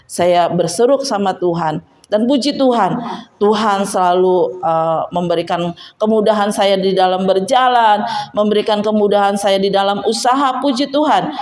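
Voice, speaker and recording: A woman's voice: mid-range voice, normal speed, darkish tone. A woman giving an earnest personal testimony and exhortation at a church fellowship, often turning to her listeners with rhetorical tags.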